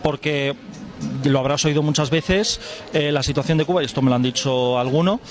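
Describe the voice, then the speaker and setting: A man's voice: a little high, fairly quick, soft background music. A man interviewing a passer-by outdoors in a city, asking direct, probing questions. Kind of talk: street interview.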